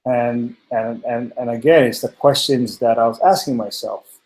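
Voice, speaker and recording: A man's voice: mid-range voice, steady tone, moderate pace, a little mellow, echoey room. A man in his forties from Hawaii, earnestly telling his own story on a webinar call from his home office, with many fillers and restarts. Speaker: panel guest. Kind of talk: personal testimonial on a webinar.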